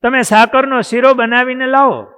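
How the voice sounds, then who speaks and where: A man voicing a compassionate divine lord who calmly comforts a mother, in a reverberant hall. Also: very high-pitched, moderate pace, smooth, voice pushed up. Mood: reassuring. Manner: soothing, reassuring.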